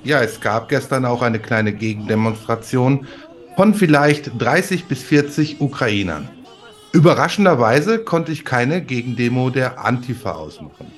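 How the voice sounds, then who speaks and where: A man narrating a report as a scripted voice-over, in a measured reporting manner. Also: mid-range voice, lively intonation, faint music behind.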